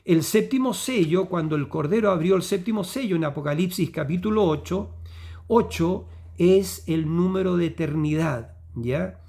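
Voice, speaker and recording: Male preacher, high voice, explains slowly, keeps asking the room if they follow. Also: vocal fry, a little mellow. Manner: teaching tone with frequent "¿ya?" and "¿cierto?" checks; fillers and repeated phrases while building a point. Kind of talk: sermon.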